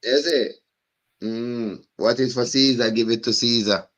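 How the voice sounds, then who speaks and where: A man hosts a live stream in loose, rambling talk. His voice is bright and forceful, at an ordinary pitch, and he keeps circling back to the same phrases. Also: steady tone, a little slow. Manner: rambling, repeats "you know what I mean". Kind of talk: casual chat.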